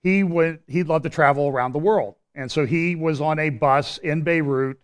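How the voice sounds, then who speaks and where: A man presenting a church prophecy update in a conversational commentary style, pausing and restarting as he walks through a map and his views. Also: a little high, clear, resonant tone. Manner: explains while pointing at a map on screen.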